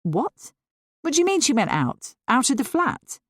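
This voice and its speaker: A woman reading the part of a frazzled single mother who jokes breezily and snaps briskly when worried. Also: high voice, sing-song, husky, dry recording, clean studio sound, pitched above the performer's own voice, exaggerated voice. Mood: alarmed. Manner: brisk, breezy banter turning anxious. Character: frazzled single mother, quick-tongued and anxious.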